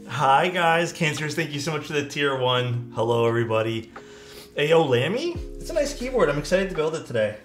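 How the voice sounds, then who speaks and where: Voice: mid-range voice, sing-song, brisk, faint music behind. A live streamer chatting casually with viewers, thanking them and using slangy, mildly sweary talk full of dude and bro.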